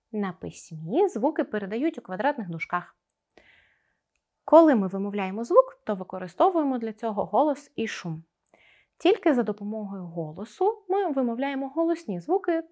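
A woman teacher giving a scripted video lesson, explaining clearly and pronouncing sounds with careful articulation. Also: medium pitch. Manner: expressive, explaining to pupils.

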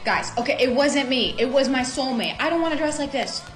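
Casting: young woman as reluctant teen girl, high-ish casual protest, roomy sound, clear music behind. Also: lively intonation, a little fast. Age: young adult. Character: reluctant, put-upon eighteen-year-old girl. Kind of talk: short social-media skit acting.

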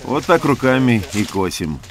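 A man's voice: mid-range voice, very animated, moderate pace, noisy background. A man voicing a documentary interview, asking and answering in a plain conversational way. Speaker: interviewer and voice-over narrator.

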